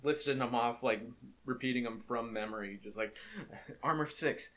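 A man co-hosting a podcast in casual chat, relaxed, with short replies and frequent laughs. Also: mid-range voice, a little fast. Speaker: podcast co-host.

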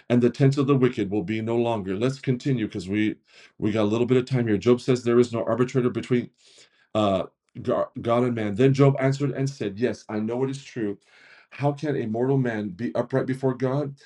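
A man's voice: mid-range voice, dark tone, breathy edge. A man, a pastor, reading scripture aloud with earnest delivery, often stumbling and correcting himself.

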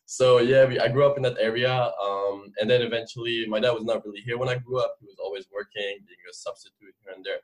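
A French man in his twenties, a podcast guest with a French accent, tells his story casually and informally, explaining things and peppering his speech with "like" and "you know." He talks fast with hardly any pauses, in a medium pitch with fairly even intonation, on poor audio.

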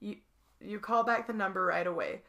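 A young woman with a bright, clear voice reads a choose-your-own-adventure board game aloud for her podcast. She giggles often and breaks off into playful asides between passages. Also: mid-range voice, normal speed. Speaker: podcast co-host. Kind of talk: casual reading of a board game story.

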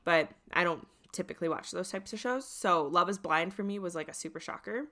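A woman's voice: lowish voice, brisk, sharp tone. A young woman co-hosting a casual podcast chat, gushing and emphatic about the shows she loves. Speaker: podcast co-host.

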